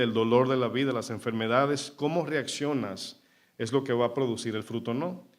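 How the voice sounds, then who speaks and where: A male pastor preaching a sermon to a congregation, asking questions and answering them himself. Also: medium pitch. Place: church.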